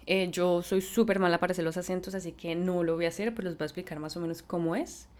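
A woman's voice: fairly low pitch, fairly even intonation, fast talker. A woman with a Colombian accent, talking casually to her viewers and dropping English words and phrases into her speech. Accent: Colombian Spanish. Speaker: vlogger. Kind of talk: casual talk to camera.

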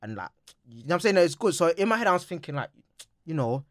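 A young man with a London roadman accent talks very quickly in casual group banter. His voice sits a little high and the recording is dry. He is slangy and animated, often repeating his phrases as he tells a story. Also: dry recording. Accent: London, roadman street slang. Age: young adult.

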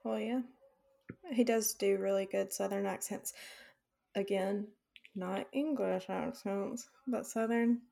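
A woman with a gravelly, fry-heavy voice at a middle pitch, talking casually with a friend. She speaks bluntly and with enthusiasm. Now and then she drops in a swear word. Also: steady tone, slow pace, warm tone. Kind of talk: casual chat.

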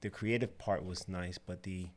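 Laid back barber guy from the dominican republic, low voice, lots of you know and uh. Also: fairly even intonation, normal speed. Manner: easygoing, loose with fillers like you know and uh. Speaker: barber and shop owner. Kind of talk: casual interview.

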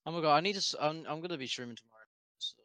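A man from the UK with a British accent, joining a casual gaming chat as a guest, eager and quick to jump in. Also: on the high side, pushed and bright, no room sound. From United Kingdom. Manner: quick, eager, talks over others. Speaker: guest streamer.

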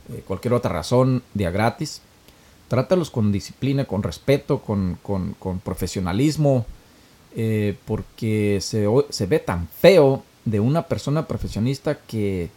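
A man's voice: lowish voice, dark tone. Folksy man telling a story. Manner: folksy, many fillers like "este". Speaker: storyteller, moral speaker. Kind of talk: casual storytelling monologue.

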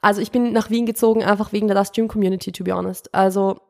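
A woman's voice: mid-range voice, steady tone, racing, gravelly, a little mellow. Young woman rambling thru listener questions on her podcast, lots of self-corrections and english words. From Austria. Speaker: podcast host. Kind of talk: casual Q&A monologue.

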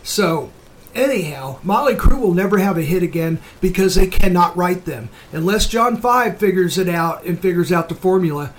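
A man's voice: sits high, lively intonation, moderate pace. A man hosting a casual talk show, giving opinionated commentary in a blunt, sweary, emphatic manner. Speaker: show host.

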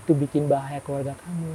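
Animated young man. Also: on the high side, husky, no echo, low-quality recording. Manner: animated, acts out quoted dialogue. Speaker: guest storyteller. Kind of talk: casual horror storytelling.

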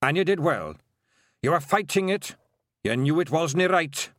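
Man acting tiny boastful pixie chieftain, Scottish, pitched up, punchy. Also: animated, normal speed, a bit bright, dry recording, clean studio sound. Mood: gruff. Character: gruff male pixie chieftain, small, boastful.

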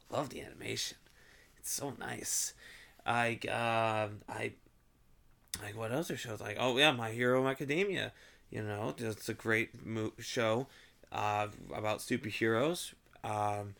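A woman chatting casually on a vlog, rambling with lots of fillers and frequent swearing. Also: vocal fry. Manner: rambling, swears often, many fillers, sudden jumps in pitch. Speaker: vlogger.

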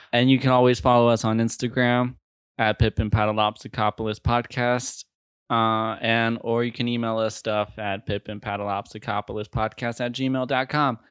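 A man's voice: fairly low pitch, smooth, no room sound, clean studio sound. Casual male podcast host with popping p sounds. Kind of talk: casual podcast sign-off and banter. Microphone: close mic without pop filter.

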